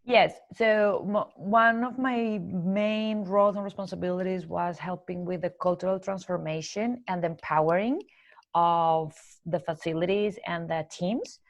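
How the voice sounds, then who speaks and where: A woman from Colombia with a Colombian accent, a corporate trainer and coach answering podcast interview questions earnestly and laying out her ideas in measured steps. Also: fairly low pitch, no room sound, dull audio.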